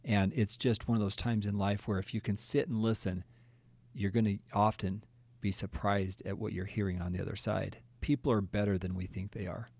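A man's voice: fairly low pitch, little pitch movement, normal speed, vocal fry, no room sound. A man who is a therapist, speaking in an earnest, reflective way about listening and empathy. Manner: soft-spoken, earnest and reflective. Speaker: therapist and co-host. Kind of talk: reflective conversation.

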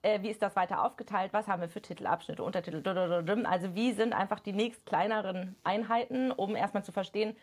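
A woman who works as a study coach, a guest on a podcast, explaining in a fast, animated way full of fillers. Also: medium pitch, breathy edge. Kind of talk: casual chat.

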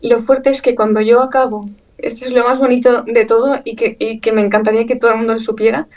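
A woman from Chile talks as an interview guest, her voice sitting a little high. She tells her story with feeling, piling up fillers and small laughs. She sits slightly back from the microphone. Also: quick pace, distant mic, poor audio. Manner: emotional, animated storytelling with many fillers and laughs. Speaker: guest, illustrator. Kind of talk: conversational interview.

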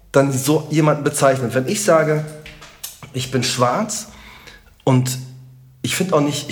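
A middle-aged man with a Rhineland German accent, a comedian chatting as a podcast guest in an animated, joking and emphatic way. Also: on the high side. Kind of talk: casual podcast conversation.

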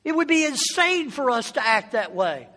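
A man's voice: very high voice, sing-song, normal speed, pushed and bright. A man preaching a sermon to a congregation in a passionate, emphatic, exhorting way, with rhetorical questions and repetition. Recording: echoey hall with long reverb.

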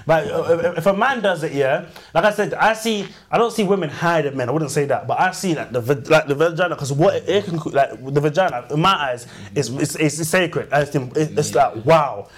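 A man's voice: a little high, brisk, few pauses. A young man with an urban London accent and slang, debating casually and insistently, repeating his phrases. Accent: London, urban British slang.

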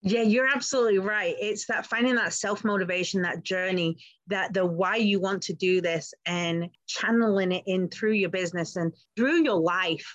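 A woman's voice: medium pitch, moderate pace, hardly any pauses, dry recording. A woman from the UK with a British accent, hosting a podcast conversation in an agreeable way that builds on her guest's points. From United Kingdom. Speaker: podcast host.

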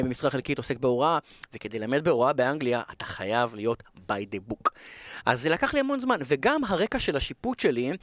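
A man's voice: mid-range voice, fairly bright tone, dry recording. A man with an Israeli accent talking casually as a football broadcaster being interviewed, emphatic and repeating phrases for stress. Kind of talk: casual podcast conversation.

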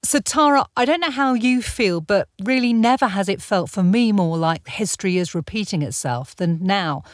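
A woman's voice: medium pitch, moderate pace, no room sound, clean studio sound. A woman co-hosting a current-affairs podcast, talking in an articulate, reflective way. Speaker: podcast co-host. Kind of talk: conversational current-affairs analysis.

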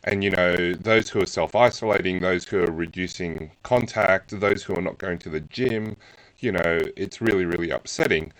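A man co-hosting a podcast interview and talking about his clients, speaking hesitantly with many pauses. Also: sits low, fairly bright tone, low-quality recording.

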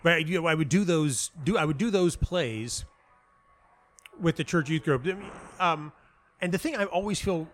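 Speaking in a hotel lobby with slight background noise, this North Carolina man, a playwright and audio dramatist, is an interview guest recounting his story. His voice is a little high and expressive at a moderate pace, casual and reflective, with frequent self-interruptions and repeated words.

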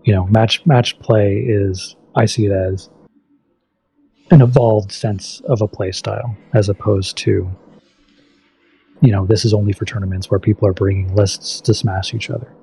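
A man's voice: lowish voice, steady tone, normal speed, gravelly, warm tone. A man chatting casually as a podcast guest, conversational and often restarting his thoughts. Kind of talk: casual chat.

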